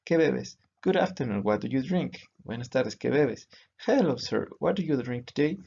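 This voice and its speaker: Slow, patient male English teacher. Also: mid-range voice, expressive, creaky, mellow, slightly rough, muffled recording. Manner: slow, patient explanations, switching between Spanish and English examples. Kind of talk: explaining grammar to students.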